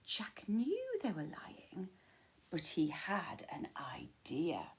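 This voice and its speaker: Slow, dramatic woman reading a storybook. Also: on the low side, huge pitch swings, husky. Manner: dramatic, dropping to whispers at tense moments. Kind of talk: reading a children's story aloud.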